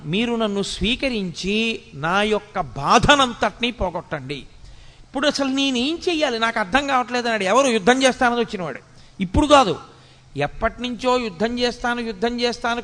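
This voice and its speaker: High-voiced man preaching in a reverberant hall. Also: fairly bright tone. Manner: chants Sanskrit verses slowly, rebukes in quick rhetorical questions. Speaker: spiritual discourse speaker. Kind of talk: Telugu religious discourse.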